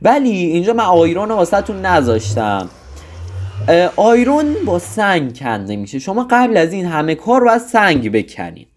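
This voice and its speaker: A man's voice: high voice, sing-song. A young man casually explaining a video game in a rambling tutorial, with restarts and joking asides. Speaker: gaming tutorial host.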